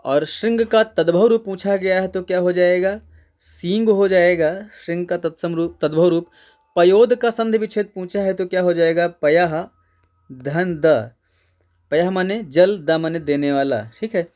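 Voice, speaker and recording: Male exam-prep teacher, slightly high voice, patient step-by-step explainer who repeats key words. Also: unhurried, a little mellow. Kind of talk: exam answer-key lecture.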